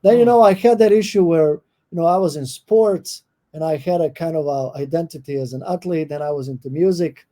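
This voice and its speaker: A middle-aged Croatian man speaks in a dark, mellow voice, pitched a little high. He answers interview questions thoughtfully, often pausing with "um" and restarting his sentences. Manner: thoughtful, with many fillers and restarts. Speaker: guest professor. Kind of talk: podcast interview.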